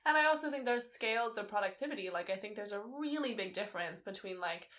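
A woman's voice: medium pitch, expressive, quick pace, fairly bright tone. A woman co-hosting a podcast, speaking emphatically and swearing casually as she makes her points. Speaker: podcast co-host. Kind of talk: casual chat.

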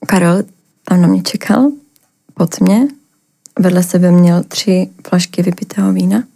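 A young woman from the Ostrava region giving a personal account as a podcast guest, talking haltingly with lots of filler words. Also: fairly low pitch, steady tone, creaky, mellow.

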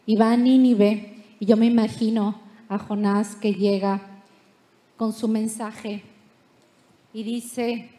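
A woman pastor preaching a sermon, telling the story in a lively, playful way with asides. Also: fairly high pitch, takes it slowly, pauses often, echoey room. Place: church.

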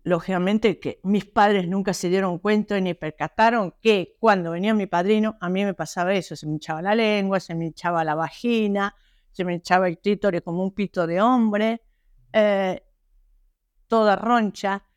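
An Argentine woman, a guest author, telling her personal story in an interview, halting and earnest with frequent restarts. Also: medium pitch, dry recording, studio quality. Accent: Argentine Spanish. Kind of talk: personal testimony in a podcast interview.

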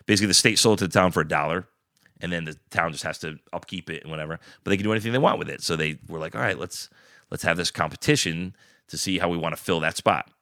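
Deep-voiced rambling man telling a story. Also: fast, pushed and bright, no echo, studio quality. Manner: rambling, storytelling with lots of fillers and acted-out quotes; swears casually. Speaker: guest, brewery partner and food truck owner. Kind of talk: casual chat.

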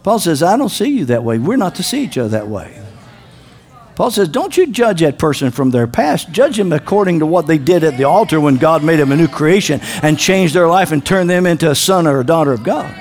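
High-voiced preaching man. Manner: preaching with rising shouts and call-and-response. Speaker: pastor. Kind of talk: sermon.

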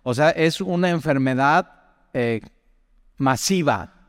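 Smooth-voiced man teaching the Bible. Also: a little high, lively intonation, slow, dry recording, studio quality, big-room sound. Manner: chatty, asks the listener direct questions, tells personal stories.

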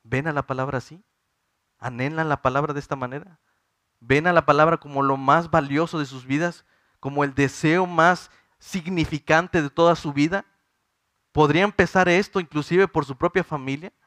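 A man's voice: on the high side, steady tone, moderate pace, fairly bright tone, dry recording, studio quality. A man in his thirties preaching a sermon, earnestly questioning the congregation and building in fervor.

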